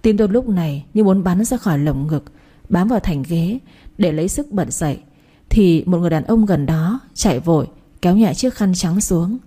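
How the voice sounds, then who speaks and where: A woman reading a first-person story aloud with slow, emotional delivery. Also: on the low side, lively intonation, mellow, slightly rough.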